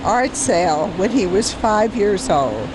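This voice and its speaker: A woman's voice: mid-range voice, big pitch swings, slow. An older woman giving casual interview answers at an art fair. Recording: noisy room ambience.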